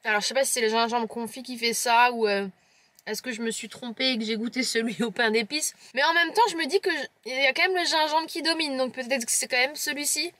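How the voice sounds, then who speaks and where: A woman's voice: sits high, quick pace, sharp tone, no echo. A woman with a Lorraine French accent, chatting playfully to camera as she tastes chocolates and describes them. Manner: chatty, playful, teasing viewers. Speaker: vlogger tasting chocolates. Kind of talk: casual tasting vlog to camera.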